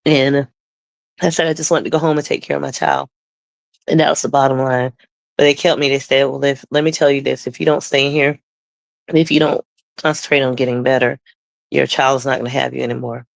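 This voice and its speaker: Gravelly woman telling a personal testimony. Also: very deep voice, steady tone, a little fast, no room sound. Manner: conversational, acts out quoted dialogue. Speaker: guest sharing a testimony.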